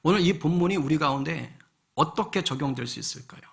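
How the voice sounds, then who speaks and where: A male senior pastor giving a lively sermon in church, acting out voices and asking the congregation questions. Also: fairly high pitch, fast, vocal fry. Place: church sanctuary.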